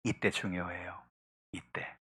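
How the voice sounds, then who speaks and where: A middle-aged man preaching a Sunday sermon as pastor, acting out quoted spouses and parents and swinging from hushed to loud. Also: deep voice, flat delivery, a little slow, husky, in a whisper.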